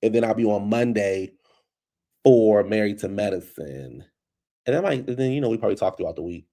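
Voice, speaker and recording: A congested man with a fading voice hosts a rambling, casual vlog from his home computer, talking loosely to his audience and calling them "baby." His lowish, dark voice has lively intonation, and he keeps a brisk pace.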